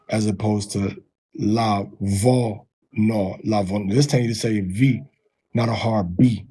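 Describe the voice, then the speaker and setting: A man teaching from a text, sounding out syllables slowly and repeating them. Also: lowish voice, dark tone, slightly rough, low-quality recording. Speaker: teacher of a language lesson.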